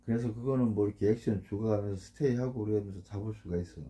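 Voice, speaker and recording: A man's voice: on the low side, fast talker, dark tone. A man, a fishing boat captain, giving casual blunt advice to anglers. He keeps asking for agreement and imitates the sounds of the gear. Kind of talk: casual instructional talk.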